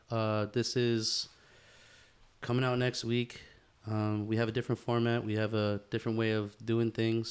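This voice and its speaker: A podcast co-host with a medium-pitched, clean voice talks in a heartfelt, rambling way during a casual chat, swearing casually as he goes.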